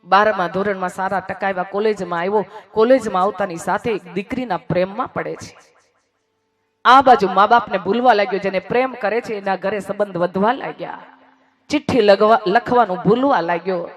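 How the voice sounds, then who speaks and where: Dramatic storyteller, hushed then raised. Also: mid-range voice, brisk. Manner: repeats phrases for emphasis. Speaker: moral storyteller. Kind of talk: emotional devotional storytelling.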